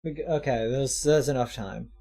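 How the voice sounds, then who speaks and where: A woman's voice: very deep voice, normal speed, warm tone. A woman in a casual video game playthrough, chatting and reading aloud from the game.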